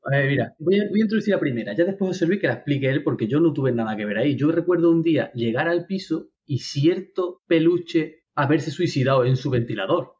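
A man, a podcast guest telling a funny anecdote and acting out the shouts in it. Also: fairly high pitch, brisk, hardly any pauses, dull audio, slight background noise. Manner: animated, acts out shouts of the story. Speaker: guest storyteller.

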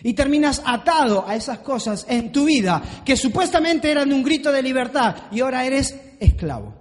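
A man's voice: very high-pitched, sing-song, moderate pace. A man preaching a sermon to a congregation in a church hall, driving his points home with repeated rhetorical questions. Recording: long reverb of a large hall.

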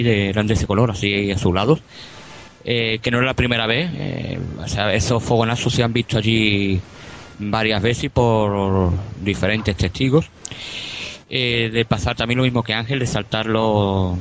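A man's voice: lowish voice, lo-fi sound, slight background noise. A man, a paranormal investigator, talking casually on a radio show, with many hesitations, fillers and restarts.

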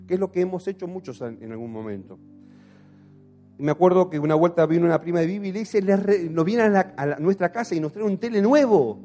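A man's voice: high voice, fast, warm tone, faint music behind. A pastor in his thirties with an Argentine accent, preaching a passionate sermon and asking the congregation questions. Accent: Argentine Spanish. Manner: impassioned, asks the congregation questions.

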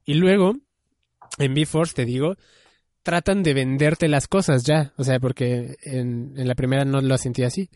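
A young man talks casually at a middle pitch. He muses and hedges, with plenty of fillers. The sound is dry and close, with no room around him. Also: steady tone, a little slow, a little mellow, no echo. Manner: musing, hedging, many fillers. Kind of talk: casual chat about anime.

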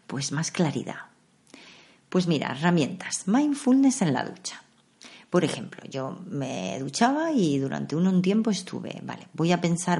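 A woman hosting a reflective podcast on meditation, explaining practices in a calm, conversational way. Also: deep voice. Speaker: podcast host.

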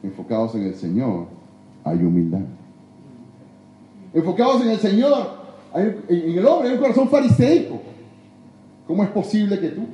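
Animated, dark-voiced man preaching in an echoey church. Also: medium pitch, dull audio, slight background noise. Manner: emphatic, swinging between loud exhortation and hushed confession. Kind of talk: sermon. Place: church sanctuary.

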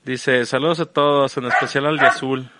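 A man's voice: mid-range voice, steady tone, moderate pace, very noisy. A man with a Mexican accent co-hosting a podcast, chatting and reviewing casually in an informal, slangy, sweary way. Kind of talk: casual live-stream chat and review.

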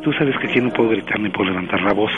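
A man's voice: lowish voice, very fast, phone-quality sound. A man, the target of a radio prank call, talking in an angry, threatening and exasperated way. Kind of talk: phone call.

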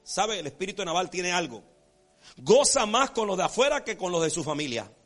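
A man preaching a sermon as pastor, folksy and animated, acting out characters and checking in with his congregation. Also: sits high, fairly quick, faint music behind. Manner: repeats rhetorical check-ins with the congregation.

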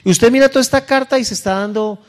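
A man's voice: very high-pitched, quick pace, a little mellow. A middle-aged man, a pastor preaching a sermon in a conversational, storytelling way that speaks directly to his listeners.

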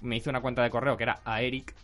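A man's voice: mid-range voice, little pitch movement, fairly bright tone, soft background music. A young man hosting a radio show, chatting casually and often restarting his sentences. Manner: fast, stumbling restarts. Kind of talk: casual group chat.

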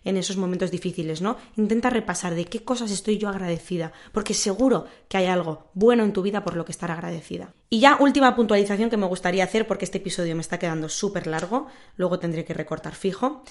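A woman's voice: on the low side, fast talker. Chatty young woman podcaster. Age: 20s. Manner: chatty, candid, tag questions. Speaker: podcast host. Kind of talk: casual solo podcast advice.

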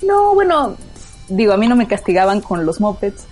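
A woman's voice: mid-range voice, sing-song, moderate pace, a little mellow, soft background music. A woman with a Mexican accent chatting casually and reflectively as a co-host. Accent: Mexican Spanish. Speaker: podcast co-host. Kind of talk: casual chat.

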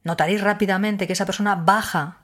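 A woman's voice: medium pitch, fairly even intonation, fast talker, a bit bright. A woman giving an explanatory talk on handling emotions, using rhetorical questions and firm emphasis. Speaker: speaker on emotional wellbeing.

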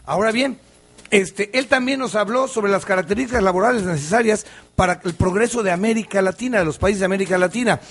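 A man's voice: sits high, fast, fairly bright tone, breathy edge. A man hosting a radio talk show, commenting chattily with frequent restarts. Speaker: radio host.

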